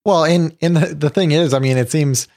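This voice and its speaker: A man's voice: fairly high pitch, moderate pace, a little mellow. A man hosting a tech podcast, chatty and joking in casual talk, often laughing. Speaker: podcast host.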